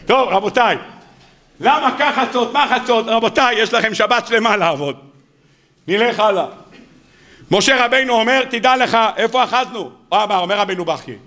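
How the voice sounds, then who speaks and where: High-voiced animated rabbi preaching. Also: male voice. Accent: Israeli Hebrew. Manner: animated, joking, asks the audience questions and answers them himself; acts out quoted speakers in a raised, mocking voice. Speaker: rabbi giving a weekly sermon. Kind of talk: lively Torah sermon to a congregation. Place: synagogue or study hall before an audience.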